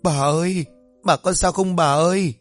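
A man voicing a frightened young village girl who talks in a high, frantic, tearful voice. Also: steady tone, moderate pace, darkish tone, soft background music.

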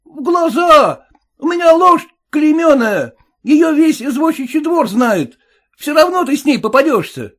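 A man voicing a suspicious, boastful peasant cab driver with a shrill, folksy way of talking. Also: big pitch swings, measured pace, full character voice.

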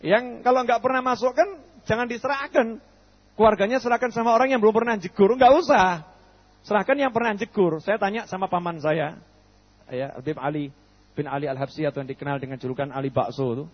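Speaking a little fast, this male preacher animates his sermon with acted exchanges, asking questions and then supplying the answers. He has a husky, high-set voice, captured in dull, low-fidelity audio with lingering hall echo.

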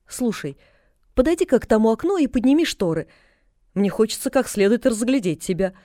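A woman's voice: fairly high pitch, sing-song, a little fast, dark tone, no echo, pitched above the performer's own voice. A woman doing a sour, weary invalid. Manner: tired, grumbling, dry. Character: sour bedridden woman of forty, complaining and weary. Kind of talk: audiobook character reading.

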